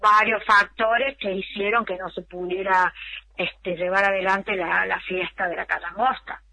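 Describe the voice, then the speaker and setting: A woman's voice: mid-range voice, little pitch movement, moderate pace, creaky, pushed and bright, poor audio. A middle-aged woman with an Argentine accent, a municipal culture official talking as a guest in an interview, hesitant and full of fillers. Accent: Argentine Spanish.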